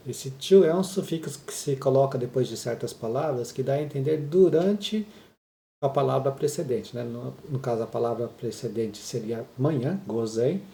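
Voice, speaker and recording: A man teaching Japanese in a patient, explanatory way, constantly checking in with his students. His voice is gravelly and dark. He sounds like he is in a room that echoes. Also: medium pitch. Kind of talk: explaining a listening lesson.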